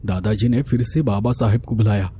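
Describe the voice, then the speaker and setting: A man narrating a horror story in a slow, measured, hushed way. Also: fairly low pitch, slight background noise.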